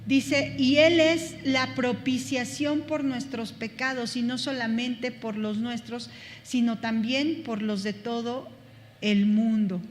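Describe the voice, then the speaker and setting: Woman, Bible lecture, halting and informal, long reverb. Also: fairly high pitch, a bit bright. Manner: thinking aloud, many fillers and restarts. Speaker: Bible class teacher.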